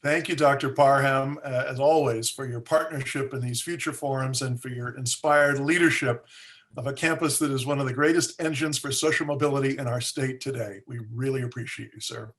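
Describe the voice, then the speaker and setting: A man's voice: mid-range voice, steady tone, brisk, a bit bright. A man hosting an online forum, reading a formal introduction of the keynote speaker. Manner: formal, reads a list of titles.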